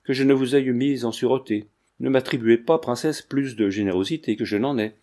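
A man voicing a calm, defiant young peasant who speaks in a steady, unmoved way. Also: medium pitch, a little fast, lightly acted. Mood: earnest.

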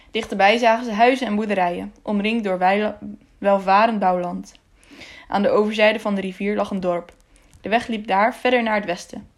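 Woman, audiobook narrator, calm, measured storytelling. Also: medium pitch. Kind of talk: scripted narration of a children's novel.

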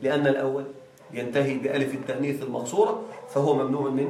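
A male teacher giving a classroom grammar lesson. He quizzes students with questions they finish, and reads example phrases slowly with stress. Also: medium pitch, little pitch movement, mellow. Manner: quizzes students with fill-in-the-blank prompts. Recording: echoey room, distant mic.

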